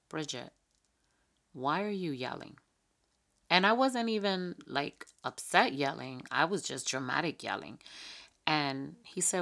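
A woman's voice: deep voice, a bit bright. A middle-aged woman from New York, hosting a podcast and talking earnestly in a conversational, reflective way, with many fillers and restarts. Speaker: podcast host. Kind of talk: reflective personal talk.

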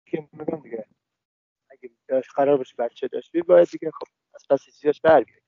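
Gravelly young man over a phone line. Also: a little high, no room sound. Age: young adult. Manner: halting, with many restarts and fillers. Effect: heard over a phone line. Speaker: interviewee. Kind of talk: casual phone interview.

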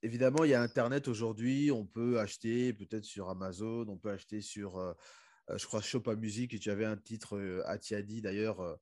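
A man's voice: lowish voice, fairly even intonation, fairly quick, a little mellow, no echo, studio quality. A man from the Republic of the Congo hosting a podcast, speaking hesitantly with fillers while making a case for his guests. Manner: hesitant, many fillers and restarts, advocating. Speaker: podcast host. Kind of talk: casual interview talk.

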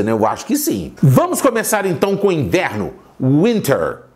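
A man teaching an English lesson in Portuguese, slowly repeating English sentences for learners. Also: sits high, a little mellow. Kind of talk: bilingual language lesson.

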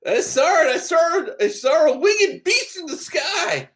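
A man voicing an excitable grizzled old male prospector who shouts in a frantic, high voice. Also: a little slow, heavily acted.

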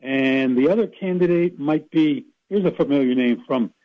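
A man's voice: a little high, moderate pace, dry recording, lo-fi sound. A man calling in to a radio show as a sports reporter, chatting casually with rambling, folksy asides. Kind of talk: casual radio phone-in chat.

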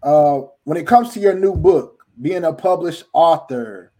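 A man's voice: fairly high pitch, animated, unhurried, warm tone. A man interviewing an author, polite and formal, calling him sir. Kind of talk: interview questions.

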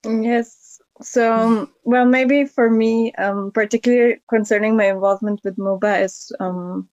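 A woman's voice: on the high side, steady tone, unhurried, darkish tone, dry recording, muffled recording. A woman from Hungary answers in a panel discussion in a thoughtful, hedging way. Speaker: panel guest from a foundation.

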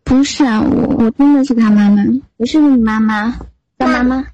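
A woman's voice: fairly high pitch, normal speed, warm tone, no echo. A twenty-year-old woman from Sichuan calling into a casual voice chat, answering briefly and plainly. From Sichuan, China. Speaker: caller in a voice chat. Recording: dull lo-fi online voice call.

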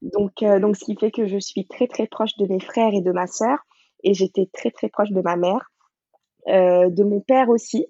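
A woman's voice: medium pitch, fairly even intonation, normal speed, dark tone, breathy edge, dry recording, dull audio. A woman in her thirties from Senegal, a podcast guest speaking hesitantly with many fillers and frequent laughs. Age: 30s. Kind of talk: casual interview chat.

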